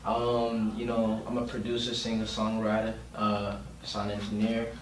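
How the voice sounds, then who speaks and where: A singer and producer from Miami, Florida, appears as a guest on a podcast, talking informally and using plenty of slang. His voice sits on the low side and stays monotone at a moderate pace. The recording is roomy, with a distant mic and faint noise.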